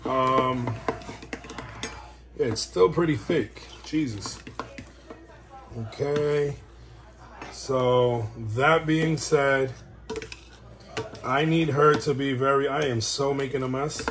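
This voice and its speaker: Speaking slowly with long pauses, a medium-pitched man who breeds dogs meanders chattily through a how-to video while working at home. The recording is noisy.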